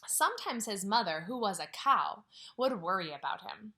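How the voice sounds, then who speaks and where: A woman's voice: medium pitch, normal speed, slight background noise. A woman teaching kindergarten from home, reading a story aloud and asking questions she then answers. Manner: animated, asks questions and answers them herself. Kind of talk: read-aloud lesson for young children.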